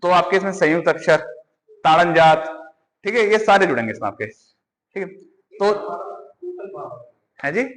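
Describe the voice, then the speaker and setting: Male teacher, high voice, quizzes and repeats in a reverberant hall. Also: sing-song, moderate pace, pauses often, a bit bright. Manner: quizzing students, repeating answers. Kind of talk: classroom lecture.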